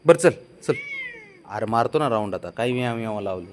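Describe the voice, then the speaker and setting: A man talking casually to his pet cat, coaxing, pleading and gently scolding it. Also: fairly low pitch, animated, a little fast, slight background noise. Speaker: pet owner.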